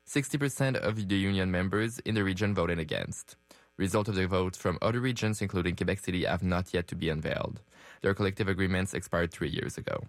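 A man reading regional radio news headlines in a crisp, formal way. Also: sits low, brisk, no room sound, faint music behind. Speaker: news reader. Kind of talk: news bulletin.

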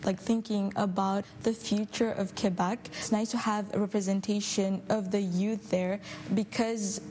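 A young woman from Montreal in her twenties answers interview questions. She is hesitant and restarts often, with plenty of fillers. Her pitch sits in the middle, with faint noise behind her. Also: flat delivery, unhurried, darkish tone. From Montreal, Canada. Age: 20s. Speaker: student and school board commissioner.

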